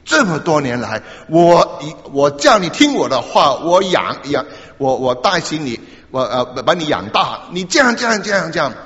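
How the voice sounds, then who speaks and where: A man's voice: fairly high pitch, very animated, normal speed, few pauses, fairly bright tone. A preacher voicing a stern, furious father. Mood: angry. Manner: scolding, demanding obedience. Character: stern, hot-tempered father of a grown son. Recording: echoey hall, dull lo-fi sound.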